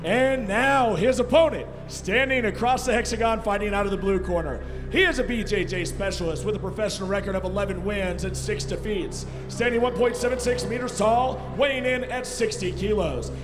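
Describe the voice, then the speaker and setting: A man making formal fight introductions as a ring announcer, booming and drawing out the fighters' names. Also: a little fast, hardly any pauses, in a large hall, over music.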